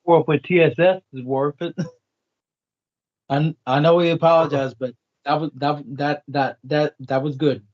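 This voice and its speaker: A man chiming in on a podcast with low-key, brief remarks. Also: fairly even intonation, measured pace, muffled recording. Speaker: podcast guest. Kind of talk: casual chat.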